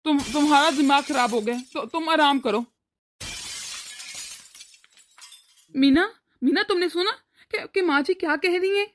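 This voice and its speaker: Woman doing a weary old cartoon father-in-law, high-pitched, soothing and pleading. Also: fairly quick, slight background noise, close to an everyday voice. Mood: worried. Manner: pleading, placating. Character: weary older father-in-law, calm peacemaker. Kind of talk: cartoon voice acting.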